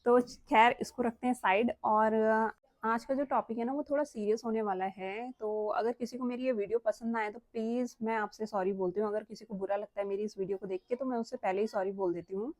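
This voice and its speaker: A woman's voice: on the high side, fairly even intonation, a little fast, no echo. A young woman from Uttarakhand, vlogging at home, chatty and earnest, pressing her points with rhetorical questions. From Uttarakhand, India. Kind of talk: casual vlog talk to camera.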